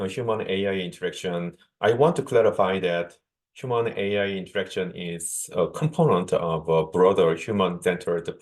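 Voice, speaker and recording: A man from South Korea, a native Korean speaker with a Korean accent, giving a measured conference keynote over a video call with small restarts. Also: sits low. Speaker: guest speaker, associate professor.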